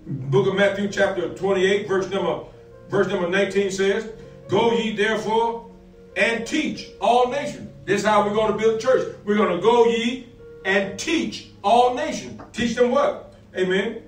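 At a measured pace, a middle-aged pastor with a high-pitched voice delivers a sermon with scripture readings, using repetitive call-and-answer questions and amens. The mic is distant in a roomy space, with faint music behind.

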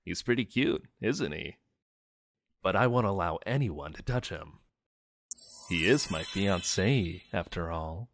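A man's voice: low voice, animated, measured pace, long pauses, no echo, full character voice. A man voicing a suave, teasing homeroom teacher in an overacted anime fan dub.

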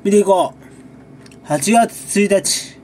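Male gaming creator, relaxed recap chat; light pitch, mellow tone, chuckling asides. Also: drawn-out words, a little hiss or hum. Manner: talks while sipping a drink. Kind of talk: casual monthly recap chat.

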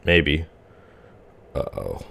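Deep-voiced man reacting to a cartoon. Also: very animated, creaky, a crowd in the background. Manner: laid-back, quick exclamations. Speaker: video reactor. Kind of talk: casual reaction commentary.

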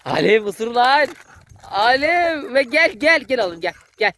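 A man, vlogging outdoors in a village and excitedly calling to a dog. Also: very high voice, a little slow, a little hiss or hum. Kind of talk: casual vlog commentary.

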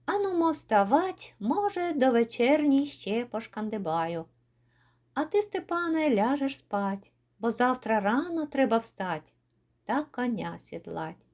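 A woman voicing an old Cossack father who gives slow, instructive, grumbling advice to his son. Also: on the high side, very animated, darkish tone, full character voice. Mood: weary.

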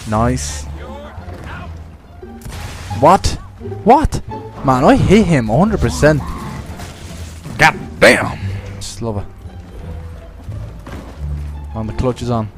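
A man streaming a shooter game, talking over his headset microphone with quick excited exclamations and swearing. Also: medium pitch, faint music behind. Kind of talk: live gameplay commentary.

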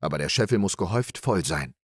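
A man's voice: low voice, expressive, fast, breathy edge, no room sound, clean studio sound. A man voicing a sly, cheerful young peasant trickster in an audiobook fairy tale, in an eager, persuasive manner.

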